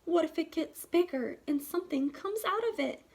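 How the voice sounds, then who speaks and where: A woman's voice: very high voice, expressive, normal speed, darkish tone, voice pushed up. A woman voicing a timid, fretful little girl mouse in a storybook, asking worried questions. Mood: anxious, fretful. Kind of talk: storybook read-aloud character voice.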